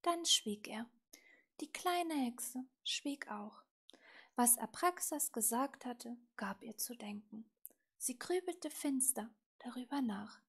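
A woman narrating a children's storybook slowly and softly, often near a whisper. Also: fairly high pitch. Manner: slow, soft and breathy, often near a whisper. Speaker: audiobook reader.

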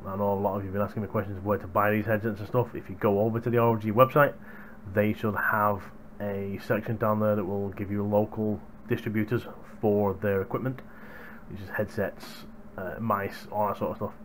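The speaker is a young adult man with a lowish voice, level tone, and a slightly fast delivery. He's a hardware reviewer chatting casually to viewers indoors in a small home room, captured on a gaming headset boom mic with a little hiss or hum.

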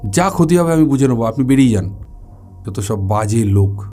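A man voicing a busy, short-tempered village housewife and mother, speaking briskly and impatiently over a faint music bed. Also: mid-range voice, lively intonation, mellow, lightly acted. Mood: angry.

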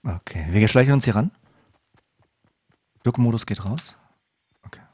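A man streaming a game live, chatting to viewers and breaking into excited shouts, dropping to a hushed mutter when he sneaks. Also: medium pitch, a little slow, breathy edge, no echo. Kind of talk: live gameplay commentary. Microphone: desk microphone.

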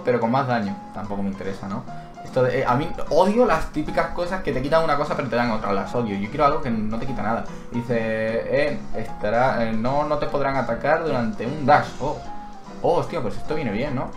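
This mid-range male voice belongs to a gaming channel host doing Let's Play commentary. Excitable, he yelps when hit, muses aloud, and reads menu text out loud. Game music plays behind a roomy echo.

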